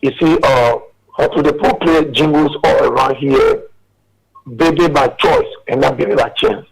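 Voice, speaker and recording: A man calling in to a radio show, giving his view in a hesitant, halting way over a phone line. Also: fairly high pitch, creaky, slightly rough. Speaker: caller. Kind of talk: phone-in comment.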